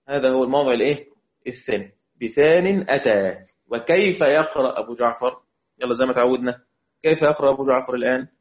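A man with an Egyptian accent teaching Quran recitation, chanting verses slowly and quizzing his students. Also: medium pitch. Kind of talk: religious lesson. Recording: dull lo-fi recording.

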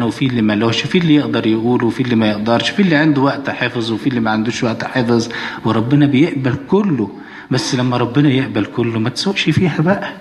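Egyptian priest preaching with hall reverb. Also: male voice, medium pitch. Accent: Egyptian Arabic. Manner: earnest, exhorting, colloquial. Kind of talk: sermon. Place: church.

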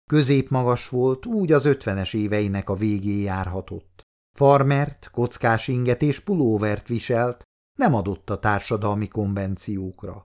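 A man reading a novel aloud as audiobook narrator, in calm, even storytelling. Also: lowish voice. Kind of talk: scripted narration.

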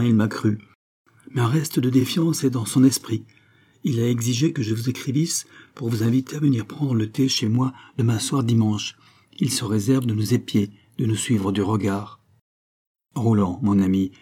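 A man's voice: mid-range voice, dark tone, husky, natural voice. A man reading aloud the letter of an anxious noblewoman to her lover, fervent and urgent.

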